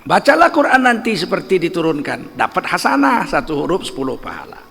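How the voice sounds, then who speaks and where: A man's voice: high-pitched, wildly swooping pitch, fairly quick, vocal fry, sharp tone, big-room sound, slight background noise. A middle-aged man preaching a religious lecture in a mosque, emphatic and full of rhetorical questions to the audience. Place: mosque hall.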